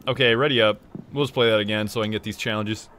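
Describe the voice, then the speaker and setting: A man's voice: fairly low pitch, slight background noise. A young man from Canada hosting a gaming stream, chatting casually, joking and laughing with friends and viewers. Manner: animated, laughing, quick to joke with chat. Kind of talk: casual chat while gaming.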